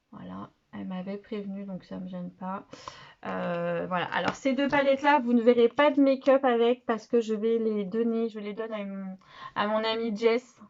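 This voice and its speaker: A woman vlogger chatting casually about makeup she bought, hesitant with many fillers, trailing off softly as she handles products. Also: mid-range voice, creaky, dull audio. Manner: handling products while talking, often trailing off quietly. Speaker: beauty vlogger. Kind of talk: casual haul video chat.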